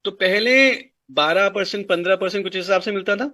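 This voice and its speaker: A man's voice: sits high, fairly even intonation, a little fast, sharp tone, no room sound. A man explaining a business plan in an interview, mixing in English and repeating phrases for emphasis. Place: indoors at a dining table.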